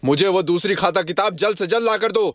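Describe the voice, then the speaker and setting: Curt bossy official. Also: male voice, high voice, quick pace, fairly bright tone, no echo, studio quality. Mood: stern. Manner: curt, ordering. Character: impatient male official, bossy and stern. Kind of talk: Hindi film dubbing.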